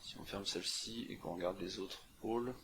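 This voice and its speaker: A man's voice: sits low, normal speed, background noise. A young man casually talking through a map puzzle on screen, thinking aloud with many fillers and restarts. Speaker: CTF walkthrough presenter. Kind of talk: casual screen-recorded walkthrough.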